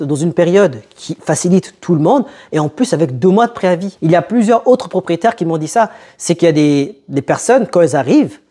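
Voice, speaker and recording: A young man with a husky, slightly breathy voice and a mellow, darker tone hosts a casual explainer vlog. He talks directly to his viewers and keeps throwing rhetorical questions at them as he walks through his points. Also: sits high. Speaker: YouTube host giving advice to newcomers.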